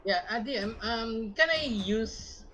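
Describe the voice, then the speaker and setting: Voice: mid-range voice, animated, slow pace, sharp tone, a little hiss or hum. A tabletop game player, hesitant, checking rules with the game master. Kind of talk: casual tabletop play. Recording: dull lo-fi audio.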